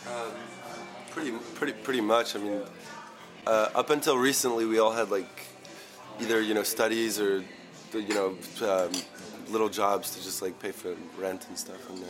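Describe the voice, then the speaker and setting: A man, a band's bassist, chatting in an animated way, swearing casually and laughing. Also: normal speed, over music. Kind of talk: casual interview chat.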